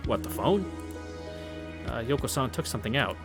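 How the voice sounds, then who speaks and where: A medium-pitched man with lively intonation plays a visual novel at a moderate pace, reading it in a laid-back style. Game music runs underneath as he chimes in with wry asides, reactions, and anecdotes.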